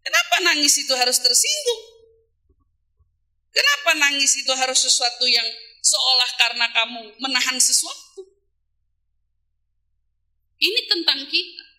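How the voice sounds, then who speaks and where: A female Islamic preacher gives a casual religious talk to women in a high, sing-song voice that is bright and forceful. She speaks at a moderate pace with long pauses, posing rhetorical questions she then answers and drawing out single words for emphasis.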